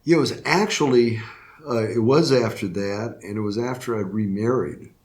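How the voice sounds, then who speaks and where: A retiring Florida circuit court judge, older and male, gives reflective interview answers in a darkish voice on the low side. He often stops, restarts and leans on fillers.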